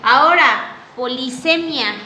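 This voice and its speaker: A woman lecturing slowly, with a high, bright voice, who keeps pausing to ask her class if they follow. The room around her is echoey, and her words ring out as she stretches out each example word with care. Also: slight background noise. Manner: slow and deliberate, checks understanding with a frequent questioning "¿ok?". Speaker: teacher.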